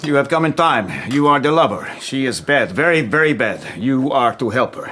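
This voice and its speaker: An actor playing a grave, commanding older professor of medicine in a radio drama, with formal, foreign-sounding phrasing. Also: male voice, medium pitch, lively intonation, normal speed, pushed and bright, slight background noise. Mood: urgent, commanding.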